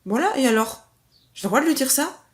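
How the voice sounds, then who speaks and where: A woman's voice: sits high, expressive, a little fast. A young woman from France giving casual parenting advice to a viewer, talking hesitantly with many fillers and restarts. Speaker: parenting vlogger.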